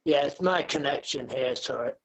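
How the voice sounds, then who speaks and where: A man thanking a teacher over a call whose connection keeps breaking up, speaking haltingly and apologizing. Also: medium pitch, vocal fry, slightly rough. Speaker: retreat participant on a call. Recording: choppy distant call audio.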